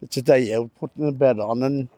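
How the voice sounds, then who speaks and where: An older-sounding Irish man chatting casually in an interview in a halting, rambling way. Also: medium pitch, warm tone, no echo. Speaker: street interviewee, bettor. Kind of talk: casual chat.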